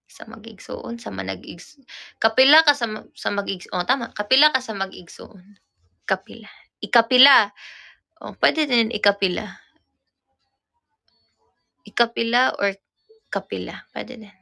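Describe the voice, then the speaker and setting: A woman's voice: mid-range voice, vocal fry, sharp tone. A young woman from Cebu with a Cebuano accent, hosting a casual livestream and patiently explaining Bisaya words, often repeating and correcting herself. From Cebu, Philippines. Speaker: livestream host. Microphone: phone or camera mic on a livestream.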